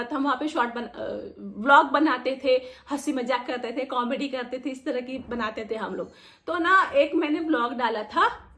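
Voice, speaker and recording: A woman's voice: high-pitched, fairly bright tone. A young adult woman vlogger telling a story in a casual, emotional way and venting her frustration. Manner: emotional, venting, acts out quoted people.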